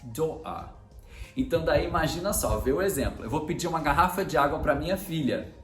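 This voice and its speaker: Higher-voiced Brazilian man teaching. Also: quick pace, fairly bright tone. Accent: Brazilian Portuguese. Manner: explanatory, chatty, demonstrates words aloud. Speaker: English teacher. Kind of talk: online pronunciation lesson. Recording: echoey room, faint music.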